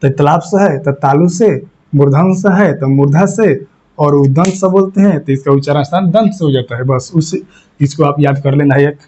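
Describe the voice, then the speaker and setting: A man teaches an exam grammar lesson, drilling each point and quizzing the class. His voice sits a little high but sounds mellow and soft-edged. The recording is muffled and lo-fi.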